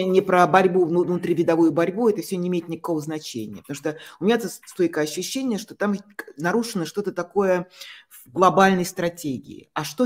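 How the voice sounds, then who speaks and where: A man's voice: high voice, darkish tone. A man interviewing a guest, asking a long question while searching hesitantly for his words.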